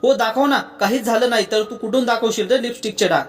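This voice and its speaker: Narrator voicing a fiery sharp-tongued young woman. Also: mid-range voice, animated, fairly quick, lightly acted. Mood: scolding. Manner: scolding, snapping.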